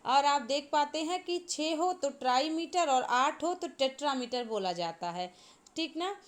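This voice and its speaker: A woman's voice: high voice, animated, unhurried. A woman teacher giving an exam-prep lecture, explaining each point step by step, repeating key terms and asking the class to answer.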